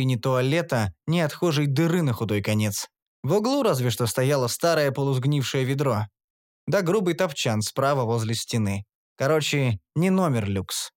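A man narrating a first-person fantasy audiobook with wry, sardonic asides. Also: a little high.

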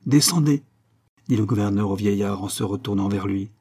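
A man reading a story aloud as narrator, with measured, grave delivery. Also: on the low side, completely flat delivery, warm tone, breathy edge. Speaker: audiobook narrator.

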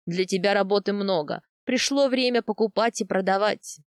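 A woman doing a low, slow-spoken steppe khan. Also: no echo, studio quality, lightly acted. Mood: grave, measured. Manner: slow, measured and firm. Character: stern older steppe khan, calm and weighty.

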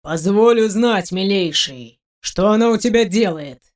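A woman's voice: medium pitch, moderate pace, close to an everyday voice. A woman reading an audiobook, voicing a menacing middle-aged father who hisses and snarls his lines. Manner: hissing, snarling through teeth.

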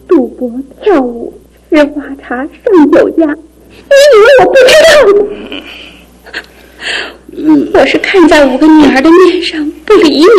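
A woman's voice: on the high side, close to an everyday voice, poor audio. An actress playing a long-suffering wife and mother in an emotive, theatrical radio drama style.

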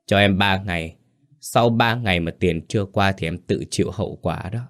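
A man's voice: deep voice, a bit bright. A man playing a cold, scheming young man who speaks curtly and with resentment. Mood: menacing. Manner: curt, cold, quick and resentful.

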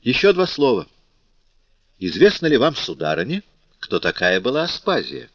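A man's voice: medium pitch, wildly swooping pitch, moderate pace, no echo, pitched above the performer's own voice. A man voicing an eloquent young Parisian who holds forth in a florid, declamatory way, in an audiobook reading. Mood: rhapsodic. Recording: dull dry lo-fi recording.

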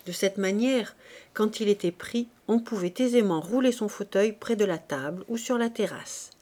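A woman with a mid-range voice reads a classic novel aloud for an audiobook. Her delivery is measured and expressive.

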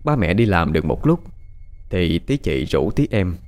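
A male storyteller tells a ghost story, his voice low and full of rises and falls. He stresses the frightening moments with drama. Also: moderate pace. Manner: expressive, dramatic. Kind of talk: scripted ghost story narration.

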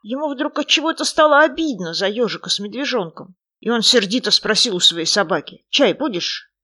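A woman narrating a children's fairy tale with expressive, lively storytelling. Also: fairly high pitch, brisk.

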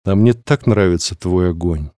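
A man voicing a commanding male snow demon rector in an audiobook, soft and coaxing yet imperious. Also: low voice, moderate pace, no room sound, clean studio sound, close to an everyday voice. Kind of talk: audiobook reading.

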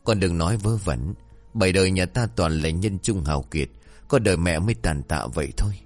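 A man voicing a sharp-tongued, bossy stepmother who scolds and lectures her daughter in a folk tale. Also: low voice, a little fast, soft background music. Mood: scolding.

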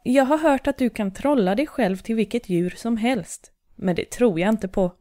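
Scheming male cat in boots read by a woman: smooth, persuasive purr, warm low tone, dry sound. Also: no echo, close to an everyday voice. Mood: sly.

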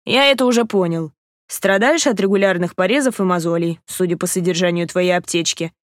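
A woman reading a calm, curt young man. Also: lowish voice, brisk, no echo, studio quality, lightly acted. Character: protective young man, the first-person hero.

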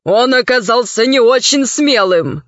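A woman's voice: on the high side, lively intonation, dry recording, lo-fi sound. A woman doing a grumpy muttering magician. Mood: grumbling. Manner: slow, muttering, gruff. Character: tall thin grumpy male magician, muttering.

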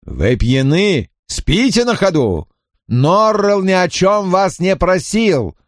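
A man voicing a cold, measured, sinister gentleman in an audiobook. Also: high-pitched, big pitch swings, no room sound, clean studio sound, voice pushed up, exaggerated voice. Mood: scornful.

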